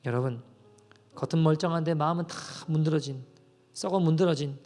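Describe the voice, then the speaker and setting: A man's voice: on the high side, brisk. A man preaching a sermon as pastor at a Friday church service. He tells a story earnestly, then builds into fervent appeals to the congregation. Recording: reverberant church hall with soft instrumental music behind.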